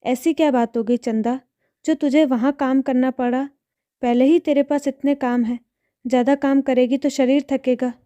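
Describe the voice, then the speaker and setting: A kind, composed woman in her thirties talks in a storybook tale, as a woman reader voices her. Her voice sits high and sounds deeply mellow. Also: steady tone, normal speed, dry recording, close to an everyday voice. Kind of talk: storybook narration.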